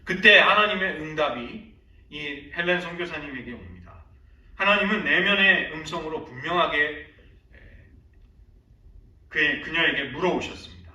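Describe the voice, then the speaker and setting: Korean pastor preaching in an echoey church. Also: male voice, on the high side, animated, moderate pace, long pauses, sharp tone. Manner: storytelling, acting out quoted prayers with feeling. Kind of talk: sermon. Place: church sanctuary. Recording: echoey church sanctuary, mic at a distance.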